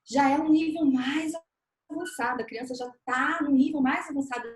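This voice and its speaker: Brazilian lady teacher explaining stuff, lively, acts out parents, high voice, kinda echoey room. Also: moderate pace. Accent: Brazilian Portuguese. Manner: animated, acts out parents' reactions. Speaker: educator guest on a panel. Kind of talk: explanatory panel discussion.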